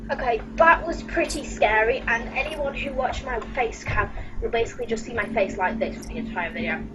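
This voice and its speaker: A woman's voice: fairly high pitch, a little fast, background noise. A woman host reading a creepy story aloud and chatting casually, her voice worn out, hesitant at times. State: losing her voice. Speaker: channel host. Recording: muffled, distant mic with music.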